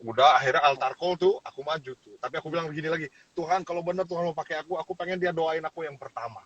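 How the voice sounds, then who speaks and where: Man, pastor, husky, animated storyteller, dull recording. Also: on the high side, rapid-fire. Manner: animated storyteller, laughs and acts out quotes. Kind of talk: casual testimony in a talk show.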